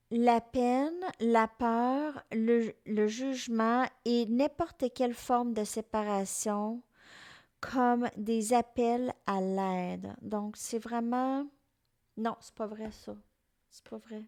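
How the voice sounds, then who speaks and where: A middle-aged woman with a Québécois French accent, giving a tarot reading to her viewers in an unhurried, musing way and speaking straight to them. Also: a little high. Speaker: tarot reader.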